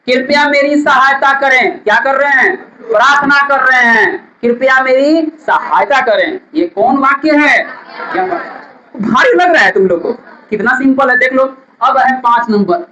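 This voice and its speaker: A man's voice: extremely high pitch, sharp tone, roomy sound, slight background noise, low-quality recording. A male teacher, giving a classroom grammar lesson, repeating definitions and quizzing his students.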